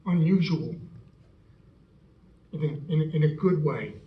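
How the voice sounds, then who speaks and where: A man playing an earnest Roman centurion who tells what he witnessed, halting and stammering, in a church stage monologue with an echoey hall, dull sound and faint music. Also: a little high, lively intonation. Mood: awed. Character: earnest Roman centurion soldier, awed eyewitness.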